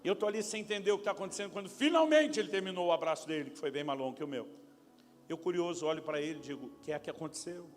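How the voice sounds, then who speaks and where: A man's voice: a little high, expressive, rapid-fire, in a large hall. A man from Brazil preaching a storytelling sermon, animatedly acting out dialogue and shifting his volume as he tells the story. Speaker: pastor. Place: large church hall at a conference.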